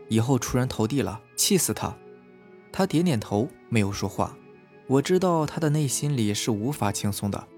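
A man calmly narrating a first-person horror story as a podcast storyteller, with a husky voice. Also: mid-range voice. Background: faint eerie background music.

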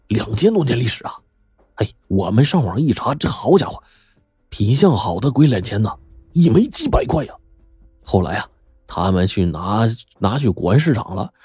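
Man voicing a hushed old worker, timid, stammering, soft and low, mellow. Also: slightly rough, no room sound, studio quality. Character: timid older male worker, gossiping quietly.

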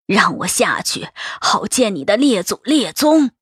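A woman voicing a weary old grandmother in an audiobook, speaking slowly and softly with sighs. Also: medium pitch, sing-song, slightly rough, no room sound, studio quality, full character voice. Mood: weary, resigned. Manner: slow, sighing, soft.

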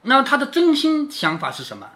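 Father reading and explaining a classic novel to his child, teacherly with constant check-in questions, bright voice. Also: very high-pitched, huge pitch swings, brisk. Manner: keeps asking rhetorical questions like a teacher.

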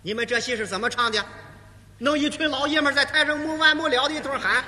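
A man voicing a bossy old woman, the mother of a warlord, who scolds and shouts demands in a live comic routine. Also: extremely high pitch, quick pace, long reverb tail, slight background noise, exaggerated voice. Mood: scolding.

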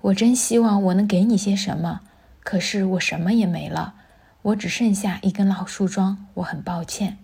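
A woman voicing a gentle, loving tree in a children's storybook reading, speaking softly and tenderly. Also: medium pitch, moderate pace, vocal fry, husky. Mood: apologetic.

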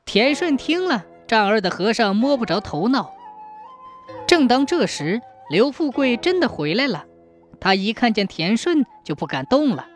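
Lively woman storyteller. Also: fairly high pitch, moderate pace. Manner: lively, expressive telling. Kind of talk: storytelling narration. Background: faint music.

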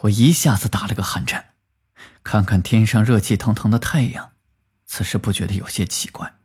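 A man narrating a first-person rural horror story in a lively storytelling manner, lifting his voice for the quoted lines. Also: on the low side, normal speed, husky.

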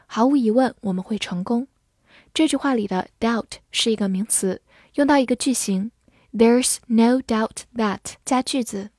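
A young woman teaching English vocabulary in a scripted lesson, spelling words out and reading model sentences slowly and clearly. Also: a little high, a little mellow, no echo, clean studio sound.

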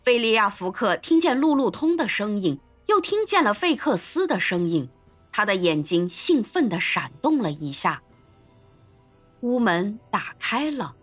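A woman narrating an episode of a classic adventure novel in an expressive storytelling manner. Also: mid-range voice, dry recording. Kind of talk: scripted narration.

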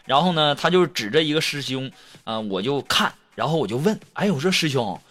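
A man hosting a comedy show, telling jokes in a chatty, playful way with drawn-out endings. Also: fairly high pitch, animated, a bit bright. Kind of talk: comic storytelling and joke reading. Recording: background music under voice.

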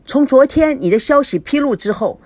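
A woman's voice: sits high, animated, moderate pace, darkish tone, no room sound, voice pushed up. A woman playing an eager, chattering amateur sleuth. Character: eager self-appointed female fan club sleuth.

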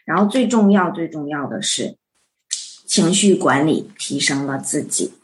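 Slow, halting woman with lively intonation. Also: sits low. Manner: halting, searching for words. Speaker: participant sharing experience. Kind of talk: informal testimonial.

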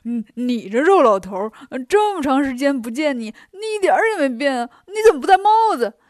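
A woman voicing a greedy, clownish male pig-monk who teases loudly and drags out his punchlines. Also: very high voice, sing-song, dry recording, clean studio sound, pitched above the performer's own voice, exaggerated voice. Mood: teasing. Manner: loud, teasing, drawn-out punchlines.

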